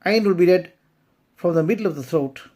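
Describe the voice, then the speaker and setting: A woman teaching recitation, chanting verses slowly and then explaining pronunciation rules in brisk spoken asides. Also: on the low side, warm tone. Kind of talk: slow tajweed lesson.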